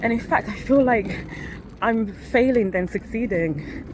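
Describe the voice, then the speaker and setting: A woman with a fairly high-pitched voice chats unhurriedly to her phone, held up to her face, while walking along a city street. Her casual vlog talk is candid and wandering, with self-corrections and small laughs, and the recording carries street noise and traffic.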